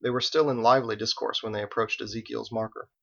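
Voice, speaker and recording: Male narrator, audiobook, measured, gravelly, dull lo-fi sound. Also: fairly low pitch, fairly even intonation, a bit bright. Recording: dull, slightly lo-fi recording.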